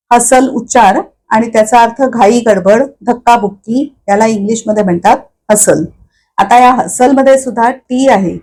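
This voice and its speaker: A woman teaching English pronunciation, explaining each word slowly and patiently with many repetitions. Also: on the high side, darkish tone, rough recording. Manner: slow, patient explaining with repeated words. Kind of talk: Marathi-medium English pronunciation lesson.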